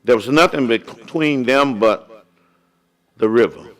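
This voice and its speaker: A man's voice: medium pitch, expressive, fairly bright tone, soft background music. A man preaching a sermon as pastor of a church, calling out and drawing out his words. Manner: preaching with rising calls and drawn-out words.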